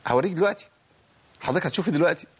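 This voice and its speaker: A man with an Egyptian accent teaching Quran recitation on a program, asking himself questions and answering them, and sounding out letters slowly as examples. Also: a little high, animated, breathy edge. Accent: Egyptian Arabic. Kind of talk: televised recitation lesson.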